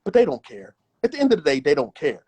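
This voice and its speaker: A man's voice: on the high side, wildly swooping pitch, fast talker, a little mellow, breathy edge. A man as an interview guest giving emphatic, repetitive advice in a casual chat. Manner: emphatic and repetitive, acts out imagined voices.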